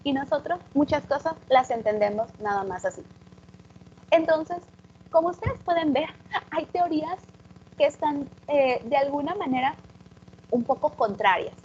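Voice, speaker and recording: High-voiced woman with giving a talk. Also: animated, moderate pace, long pauses, a little mellow, muffled recording, a little hiss or hum. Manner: explanatory, addresses audience directly. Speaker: English teacher giving a talk. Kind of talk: public talk to an audience.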